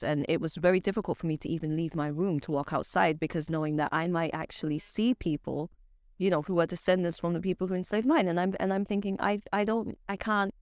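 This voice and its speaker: A woman with a transatlantic accent mixing British and Barbadian talks about her writing as an interview guest, halting and correcting herself with emphasis. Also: fairly low pitch, dry recording, studio quality. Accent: transatlantic mix of British and Barbadian. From born in Britain, raised in Barbados. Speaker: guest poet and author.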